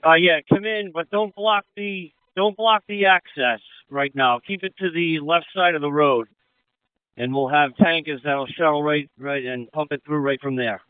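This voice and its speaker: A male fire commander gives directions over a two-way radio in a fairly high, smooth voice. The channel is very narrow and tinny, with a dry sound. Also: normal speed, no room sound. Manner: directive, giving orders. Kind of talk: fire ground radio traffic.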